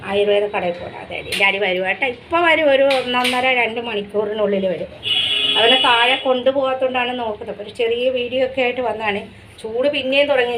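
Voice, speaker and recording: A woman chatting casually to camera at home about her pet dog and her daily routine. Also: noisy background. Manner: chatty, switches to high coaxing calls to her dog. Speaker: pet vlogger. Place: home in a city in India.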